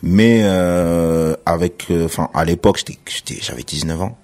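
Man, low voice, radio guest, relaxed, repeats himself. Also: moderate pace. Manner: relaxed, repeating and restarting phrases. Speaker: radio show guest, sports mentor. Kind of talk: radio interview.

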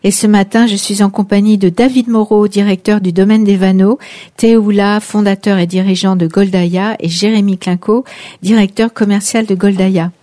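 A woman's voice: medium pitch, steady tone, moderate pace, warm tone. A woman hosting a local radio interview, friendly with some hesitation. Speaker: radio host.

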